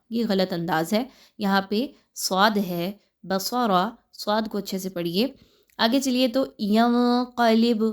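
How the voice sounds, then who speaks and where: A woman teaching tajweed, explaining pronunciation patiently and step by step. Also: medium pitch. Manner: patient, explains pronunciation step by step, then recites slowly and drawn out. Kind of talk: tajweed lesson with slow recitation examples.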